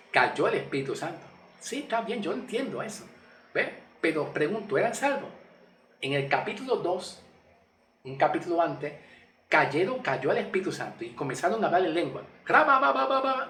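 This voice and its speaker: A man giving a Bible teaching, often checking in with short questions to his listeners and repeating key words slowly for emphasis. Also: fairly high pitch, a bit bright. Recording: roomy echo from a distant mic with faint noise.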